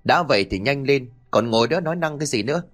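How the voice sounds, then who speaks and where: Gruff irritable old father, played by the male narrator, brusque and scolding, for an audio story. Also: fairly low pitch, very animated, quick pace.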